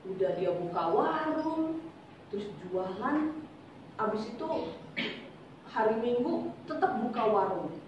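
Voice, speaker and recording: A woman's voice: on the high side, animated, a little slow, long pauses, noisy background. A woman giving an informal devotional talk to a congregation, chatty and teasing, full of rhetorical questions. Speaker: devotional speaker. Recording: echoey, distant, dull room recording.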